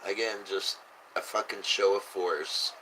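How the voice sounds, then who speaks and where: Drunk sounding guy reading headlines, lowish forceful voice, slow and sweary, bit of noise behind him. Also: steady tone, rough recording. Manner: blunt, swearing, offhand. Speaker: host reading and reacting to news. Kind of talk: casual rambling commentary on headlines.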